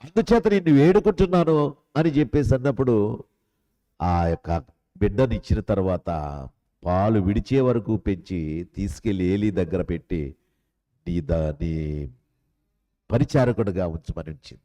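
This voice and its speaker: A man preaching a sermon as pastor. He asks many rhetorical questions and swings between loud, high lines and soft, low ones. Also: normal speed, pauses often, rough recording.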